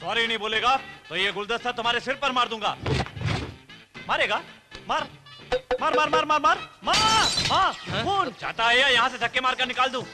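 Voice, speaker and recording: Brief: taunting action hero, high voice, film score behind. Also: male voice, fairly quick. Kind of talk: dramatic film dubbing. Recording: film soundtrack with music and long reverb.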